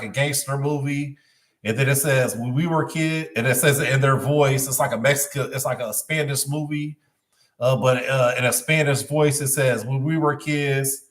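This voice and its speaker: Man, forties, channel host, casual lyric breakdown, halting delivery, average pitch. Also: reverberant, recorded from a distance. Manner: hesitant, many filler pauses.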